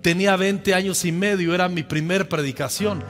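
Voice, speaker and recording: A Mexican man in his fifties, a pastor telling a personal story in a sermon, lively and humorous, speaking directly to his congregation. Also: high voice, normal speed. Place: church. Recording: echoey church hall with soft music behind.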